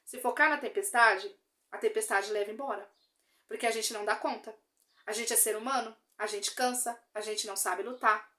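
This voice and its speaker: Brazilian woman, earnest faith testimony, high voice, repeats herself for emphasis. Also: fairly even intonation, moderate pace, pushed and bright. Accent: Brazilian Portuguese. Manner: earnest, addresses listeners directly, repeats phrases for emphasis. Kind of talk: emotional religious testimony.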